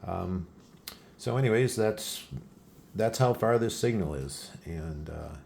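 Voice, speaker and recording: Over heavy shortwave static and stray broadcasts, a radio hobbyist host casually explains things in an unscripted demo. His voice is low and slow, with lively intonation and some vocal fry.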